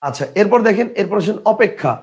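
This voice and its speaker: High, gravelly tutor. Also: male voice, lively intonation. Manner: explains step by step with rhetorical questions; drawls example words slowly, mixes in English words. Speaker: teacher. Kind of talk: Bengali grammar lesson.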